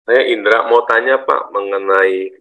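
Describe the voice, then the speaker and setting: A man asking a question in an online class, hesitant and halting, with his voice breaking up over a choppy call line. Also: fairly low pitch, steady tone, bright, forceful tone. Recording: dull lo-fi call audio cutting out.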